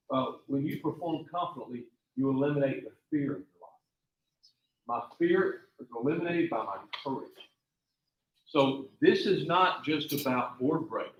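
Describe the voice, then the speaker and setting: A man teaching a taekwondo class, giving a repetitive, emphatic motivational talk full of rambling stories. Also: fairly high pitch. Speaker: taekwondo instructor. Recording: echoey, dull lo-fi room sound.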